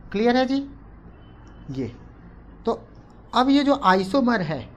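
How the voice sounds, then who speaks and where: A woman teacher with a somewhat low voice walks students through a chemistry lesson. She asks questions and answers them herself, repeating key terms, with a faint hiss of noise underneath. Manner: repetitive, asks and answers her own questions; mixes English terms into speech. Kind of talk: online classroom lecture.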